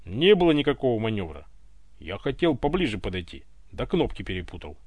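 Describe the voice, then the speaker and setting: A man voicing a stubborn, hot-tempered patrol commander in an audiobook, blunt and gruff. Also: lowish voice, very animated, fairly quick, a little mellow, no room sound.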